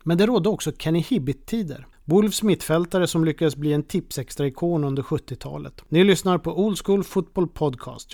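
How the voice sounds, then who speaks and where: A man's voice: a little high, a little mellow, no room sound, studio quality. A man in his fifties hosting a podcast, narrating wistful, reflective memories in a scripted way. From Sweden. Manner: wistful, nostalgic. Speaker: podcast host.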